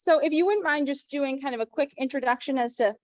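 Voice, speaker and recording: A woman moderating a panel over a video call, asking questions briskly. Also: high-pitched, dry recording.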